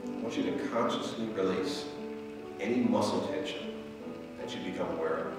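Soft, hushed man leading prayer in echoing hall. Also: lowish voice, normal speed. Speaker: preacher. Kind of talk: slow guided prayer meditation. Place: church stage, indoors. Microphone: headset. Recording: very echoey hall, distant, loud music. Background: instrumental music.

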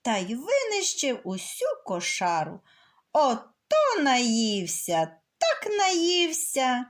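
Fairy-tale narrator, woman, expressive and melodic, high-pitched, unhurried. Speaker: storyteller. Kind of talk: children's fairy tale reading.

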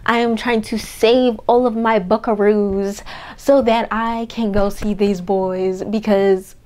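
A young woman hosting a reaction video, chatting casually and excitedly, full of slang and fillers as she reacts. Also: medium pitch, slow pace. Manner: excitable, gushing, peppered with "yo" and "like".

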